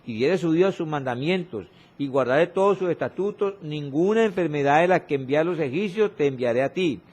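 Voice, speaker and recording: A preacher's sermon, carried by radio, has him reading scripture at a slow pace and returning again and again to exhorting refrains. His delivery is expressive, often dropping to a low, soft tone to stress a point.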